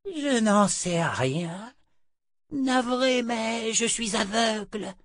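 A man voicing a frail, bewildered elderly blind woman in a thin, breathy voice, speaking slowly and hesitantly. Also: high-pitched, expressive, a bit bright, no echo, clean studio sound, pitched above the performer's own voice, full character voice. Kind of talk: audiobook character voice.

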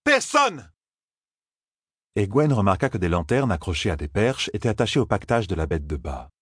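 A man reading an audiobook in a calm, measured storytelling manner. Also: deep voice, breathy edge, no room sound, clean studio sound. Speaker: narrator. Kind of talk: audiobook narration.

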